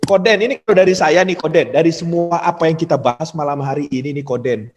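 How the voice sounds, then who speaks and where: A man's voice: fairly high pitch, quick pace. A man hosting a church discussion, reading out questions and summing up the speaker's points in a conversational way. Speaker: host. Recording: dull reverberant hall sound.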